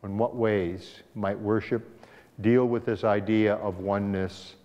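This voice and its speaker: In a church sanctuary, a man teaches Sabbath school in a conversational style, asking his class questions. His voice is on the low side, mellow and fairly even, and a little slow. The church hall recording comes out dull and echoey.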